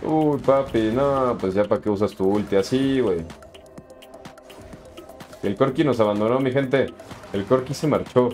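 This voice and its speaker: A man's voice: mid-range voice, measured pace, long pauses, a little mellow, faint music behind. A young man with a Mexican accent, casually commenting on his game live and answering chat in slangy, chatty talk. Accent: Mexican Spanish. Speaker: streamer.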